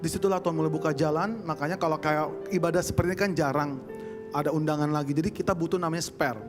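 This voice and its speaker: A chatty man tells a funny personal story to a church congregation, with a high, bright voice. He turns to his listeners often as he talks. His voice rings out in a hall with a long echo, and soft music plays behind him. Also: steady tone, fast talker. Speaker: singer giving a testimony at church. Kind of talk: humorous church testimony. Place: church service.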